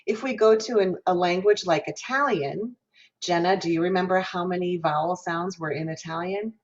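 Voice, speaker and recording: Over a video call, a music professor from Minnesota gives an online diction lesson as a guest lecturer, explaining vowel sounds and voicing them aloud. Her voice is on the low side and moves at a normal speed. The audio has the dull, lo-fi quality of a video call.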